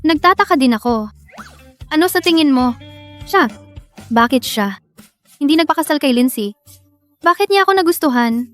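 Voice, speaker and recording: Tipsy young woman for drama dub, lovestruck and clingy, high-pitched, soft music underneath. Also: lively intonation, normal speed, pauses often. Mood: smitten. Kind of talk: dubbed drama acting.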